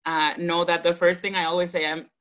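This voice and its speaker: A woman in her thirties, born in the Dominican Republic and raised in Boston from age five, shares her personal story with an online audience as a guest speaker and education advocate. Her lowish, level voice sounds earnest, measured and thoughtful. She's indoors on a video call, and the audio is dull and lo-fi.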